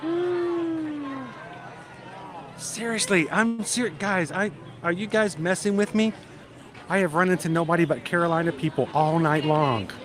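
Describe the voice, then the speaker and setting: A middle-aged man from South Georgia with a deep Southern accent, chatting casually and folksily as he hosts a livestream. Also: normal speed, crowd noise, noisy background. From South Georgia, United States. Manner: chatty, folksy, greets viewers by name. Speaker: livestream host. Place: outdoors in a busy theme park.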